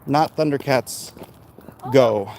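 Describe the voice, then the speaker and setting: A man in his forties with a mid-range voice hosts a casual livestream while walking along a street outdoors, talking into a handheld phone. He rambles haltingly, reads viewer comments aloud, and breaks off to talk with the people beside him. The phone picks up outdoor street noise.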